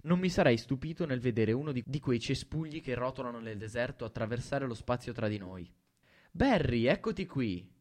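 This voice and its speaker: A man's voice: mid-range voice, fairly quick, few pauses. Man narrating a novel. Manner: steady storytelling. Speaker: audiobook narrator. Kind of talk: scripted narration.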